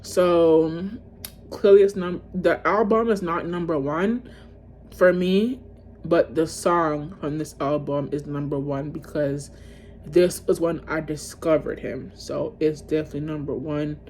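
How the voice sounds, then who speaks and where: A woman talks casually to camera as she ranks music, chatty and openly emotional, often calling out to her viewers. Her voice sits a little low and she takes her time. A faint hiss of background noise runs under the recording. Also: fairly even intonation, a little slow, a little mellow. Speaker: music vlogger ranking albums.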